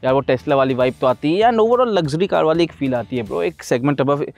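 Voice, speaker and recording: A man's voice: fairly high pitch, animated, racing, gravelly, darkish tone, faint music behind. An Indian man in his thirties chatting informally and giving his opinions as host of a car comparison. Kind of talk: casual car comparison chat, mixing Hindi and English.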